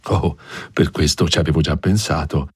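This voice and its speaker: Man doing a plain country mother, earnest, low husky dry read. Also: fairly even intonation, normal speed, dry recording, heavily acted.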